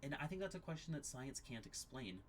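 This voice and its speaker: A man teaching an apologetics class at his church, explaining ideas in a measured, step-by-step way. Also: medium pitch, sing-song, a little hiss or hum. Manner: explanatory, measured, occasional restarts.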